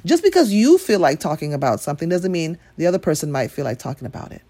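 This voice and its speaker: A woman's voice: sits low, huge pitch swings, quick pace, warm tone, no room sound. Blunt, emphatic woman from Nigeria. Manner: blunt, emphatic, swears freely. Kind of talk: casual opinion monologue.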